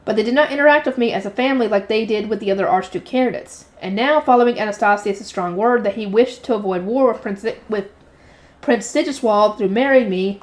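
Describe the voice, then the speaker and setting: A woman's voice: mid-range voice, a little fast. A woman reading a light novel aloud, unrehearsed, often slipping and correcting herself. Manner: unrehearsed reading with frequent slips and self-corrections.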